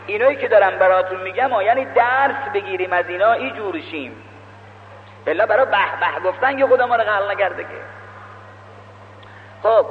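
A man preaching a sermon, telling a story as a string of quoted exchanges and speaking straight to his listeners. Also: high voice. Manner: retells dialogue with many "he said" turns; exhorting the listeners directly. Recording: echoey hall, dull lo-fi with faint hum.

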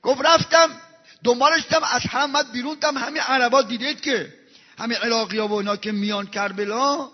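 A male preacher telling a religious story in a sermon, moving from hushed, low passages to loud, chanted lines. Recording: dull recording in a reverberant hall.

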